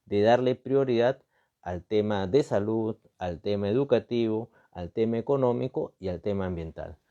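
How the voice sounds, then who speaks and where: Heard through a muffled recording, a Peruvian-accented man from Peru talks at normal speed in a fairly low, dark voice. As a political and constitutional commentator, he analyzes off the cuff, repeating phrases for emphasis and posing rhetorical questions laced with tag words.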